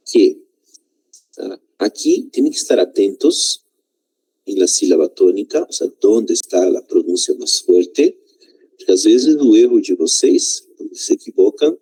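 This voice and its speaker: A man's voice: on the low side, warm tone, husky, poor audio. A man whose first language is Spanish, teaching a Portuguese lesson and often slipping Spanish words in, checking in with "né?" and "tá?".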